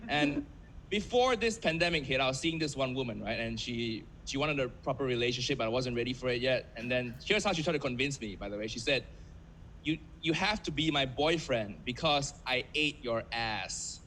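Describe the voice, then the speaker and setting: Lively Malaysian man telling jokes over a video call. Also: mid-range voice, moderate pace, slight background noise, rough recording. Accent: Malaysian English. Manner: deadpan storytelling, laughs at his own jokes. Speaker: stand-up comedian.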